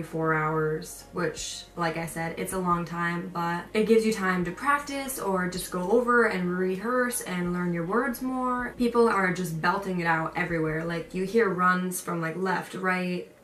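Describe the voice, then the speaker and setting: In a room with a picture hanging on the wall, a young woman vlogger shares a story and advice in a casual, chatty, emphatic style. Her voice sits lowish and a bit bright, and the distant mic picks up roomy echo and light background noise.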